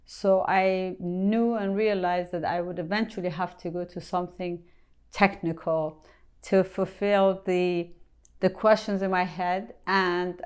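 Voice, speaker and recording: Low-pitched woman, smooth and hesitant. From Iran. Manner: thoughtful, hesitant with many ums. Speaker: company president, guest. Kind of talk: interview answers.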